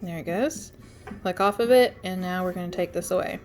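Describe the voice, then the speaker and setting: A congested woman with a lowish voice hosts a casual craft tutorial over screen share, briskly chatting through step-by-step instructions with frequent ums. Faint music plays in the background.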